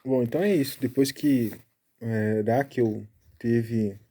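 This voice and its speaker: Guy teaching scripture casually, dark warm tone, walks you through it bit by bit. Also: mid-range voice, slow pace. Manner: chatty, keeps tagging lines with "né?"; explaining Hebrew letters and pronunciation step by step. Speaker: Bible study teacher. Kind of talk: casual Bible study talk.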